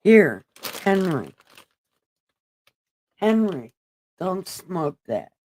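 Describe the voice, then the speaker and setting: A woman in her forties hosting a casual livestream, loud and joking as she teases her friends. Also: on the low side, big pitch swings, very slow, a little hiss or hum, low-quality recording. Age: 40s. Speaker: livestream host.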